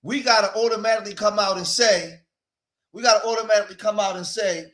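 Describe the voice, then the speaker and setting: A fairly high-pitched man in his forties with an East Coast accent hosts a casual livestream. He talks straight to his viewers and circles back on his own phrases for emphasis. The echoey room rings around him. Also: steady tone, fast talker, a bit bright. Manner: talks to his viewers, repeats phrases to drive points home. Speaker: livestream host.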